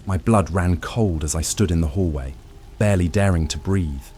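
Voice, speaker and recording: A man narrating a first-person horror story in a scripted, tense storytelling manner with dramatic pauses. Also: low voice, warm tone, a little hiss or hum.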